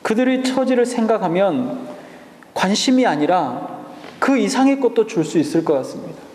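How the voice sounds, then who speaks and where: A man's voice: sits high, expressive, moderate pace, a little mellow. A male pastor preaching a sermon, emphatic and asking the congregation rhetorical questions. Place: church sanctuary. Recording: echoey church hall reverb.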